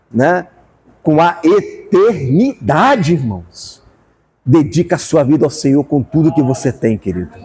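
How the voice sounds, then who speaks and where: A man with a Brazilian Portuguese accent preaching a fervent sermon as pastor, rising to shouts at times. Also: on the high side, breathy edge, big-room sound.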